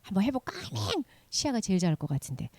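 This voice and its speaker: A woman giving a children's sermon, animated, asking the children questions and acting out the story. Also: a little high, normal speed, dry recording, clean studio sound. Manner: animated, asks children questions, acts out quotes. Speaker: children's ministry preacher.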